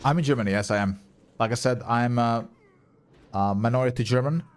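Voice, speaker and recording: A young Croatian-native game streamer speaks in an ordinary middle male pitch, smooth and a little fast. He chats loosely during his live stream, reading and answering viewers' questions while gaming, and swears casually.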